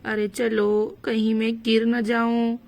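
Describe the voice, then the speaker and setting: Brief: a woman doing a worried pregnant young aunt, high slow plea, dry close sound, doll story. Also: completely flat delivery, creaky, a little mellow. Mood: distressed. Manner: anxious, pleading. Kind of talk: doll story role-play.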